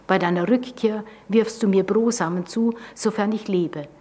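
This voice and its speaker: A woman reading as a solemn, husky talking camel. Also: medium pitch, fairly even intonation, normal speed, warm tone, close to an everyday voice.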